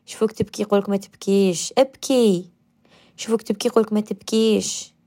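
A woman with an Algerian Arabic accent, a radio host leading a guided meditation and self-affirmation talk, gentle and coaxing. She repeats affirmations and sometimes drops to a soft whisper. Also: mid-range voice, gravelly.

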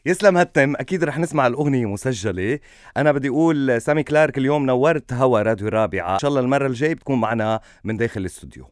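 A man's voice: mid-range voice, lively intonation, racing, dry recording, studio quality. A man hosting an informal radio interview in an effusively courteous, complimentary manner. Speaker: radio host interviewing a guest. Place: close, dry radio studio.

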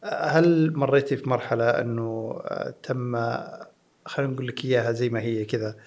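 A man interviewing a guest, asking gentle probing questions in a soft voice. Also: medium pitch, steady tone, brisk. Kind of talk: personal interview.

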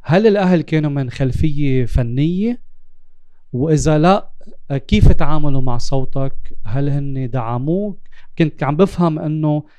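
This Lebanese-accented male host conducts a reflective, life-coach-style interview in Arabic sprinkled with English terms, repeating words to stress them. His voice is a little high, mellow, and clean at normal speed, with no room sound at all.

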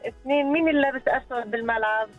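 A woman's voice: high voice, very fast, music in the background. A woman calling into a radio show, playfully asking questions between giggles. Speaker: radio caller. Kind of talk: call-in chat. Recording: tinny phone line.

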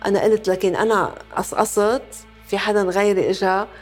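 A woman's voice: medium pitch, steady tone, brisk, darkish tone, faint music behind. A Lebanese-accented woman giving personal testimony in a conversational way, dropping French phrases into her speech. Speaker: interviewee recalling war experience.

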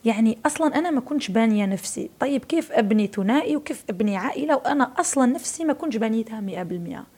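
Very fast, with lively intonation, this voice sits on the high side and sounds a little mellow and slightly rough. It belongs to an Algerian media personality in her thirties, accented in Algerian Arabic, who chats casually as an interview guest, emphasizing points by repeating words.

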